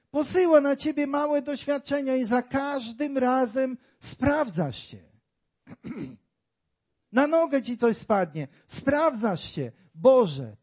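A man preaching a sermon to a congregation, asking them questions and swinging between loud, emphatic lines and quiet asides. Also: extremely high pitch. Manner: talks directly to the congregation with rhetorical questions.

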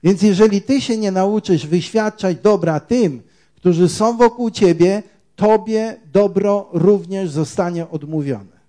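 A man's voice: sits high, unhurried, dark tone. A man preaching a sermon, quoting scripture and putting rhetorical questions to his congregation. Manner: quotes scripture.

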